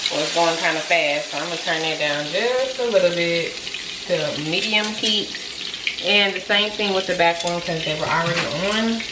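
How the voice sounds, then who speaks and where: Chatty young woman hosting a home cooking vlog; low-set voice, phone-recorded in her kitchen over clear frying noise. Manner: chatty and loose, talks straight to viewers as "y'all". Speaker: vlogger. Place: small home kitchen, indoors. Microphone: handheld phone camera.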